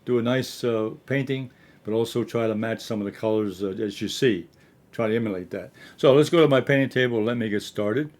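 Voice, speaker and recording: A man giving a casual watercolor painting tutorial in his studio, speaking haltingly and often repeating himself. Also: medium pitch, darkish tone.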